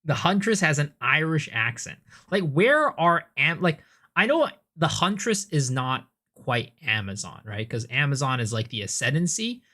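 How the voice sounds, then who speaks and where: A game streamer, a man, chats through a live reaction with a bright, forceful tone. He gets animated and trips over his words, repeating them as he reacts. His speech stays casual and conversational. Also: on the high side, normal speed. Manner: animated, stammers and repeats words when excited.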